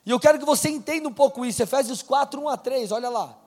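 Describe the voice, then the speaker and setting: A man preaching a sermon in a casual, conversational way, slowing down to read scripture aloud. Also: very high-pitched, a little mellow, big-room sound, soft background music. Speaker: pastor. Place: church hall.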